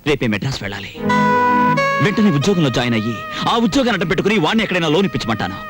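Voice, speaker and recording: An actor playing an excitable young man who teases and dodges with playful replies. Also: fairly high pitch, rapid-fire, loud music behind the voice. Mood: excited. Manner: excitable, teasing, playful dodging. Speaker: young hero. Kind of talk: Telugu film melodrama.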